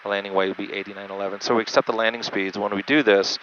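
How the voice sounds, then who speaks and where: This male jet pilot delivers an unscripted instructional walkthrough from the cockpit of a small jet in flight, his voice low and even as he explains procedures patiently, methodically, and haltingly. The sound comes through an aviation headset via intercom, dull and muffled, band-limited, with engine noise behind it.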